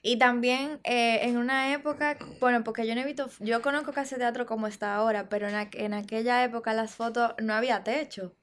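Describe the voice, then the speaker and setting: Entrevistadora de voz algo aguda. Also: female voice, on the high side, steady tone, a little fast, few pauses, slight background noise. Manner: brief encouraging interjections. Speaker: interviewer. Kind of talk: casual interview.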